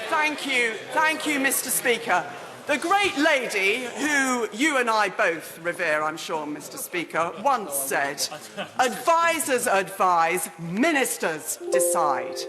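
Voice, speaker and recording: A woman, a member of parliament, asking a pointed question with deliberate theatrical emphasis in heated parliamentary debate. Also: on the high side, animated, over music. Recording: reverberant parliamentary chamber.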